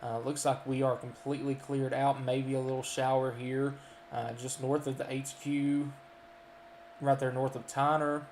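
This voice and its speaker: A man's voice: medium pitch, flat delivery, moderate pace, a little mellow, echoey room, slight background noise. A man with a Kentucky accent giving live storm radar commentary, folksy and full of ums and uhs as he lists towns. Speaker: storm chaser and weather streamer.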